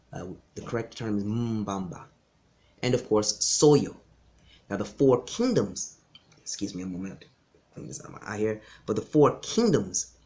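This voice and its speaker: A man, a martial arts instructor, giving an insistent direct-to-camera history lecture, often restarting his sentences. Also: fairly low pitch. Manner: emphatic, insistent, frequent restarts.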